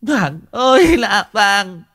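A man voicing a foul-mouthed old village woman who hurls rapid-fire curses and drawn-out wailing laments. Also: high voice, very animated, pushed and bright, voice pushed up, full character voice.

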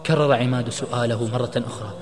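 A man narrating a dramatic story in an earnest, expressive way. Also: mid-range voice, fast, faint music behind. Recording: echoey recording with long reverb.

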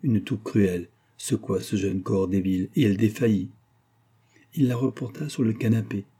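Male audiobook narrator, very dark, husky tone, expressive literary reading. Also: fairly low pitch, normal speed. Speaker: audiobook reader. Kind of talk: scripted narration.

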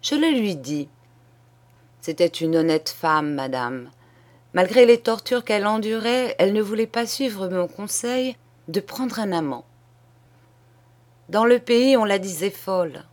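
A woman reading a short story aloud in a measured, deliberate audiobook style. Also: mid-range voice, animated. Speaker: reader.

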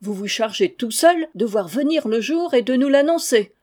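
A woman reading aloud and voicing an excited rustic farmhand, speaking in a raised, eager voice. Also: fairly high pitch, normal speed, pitched above the performer's own voice. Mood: earnest. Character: excited farmhand, grown man, rustic and talkative.

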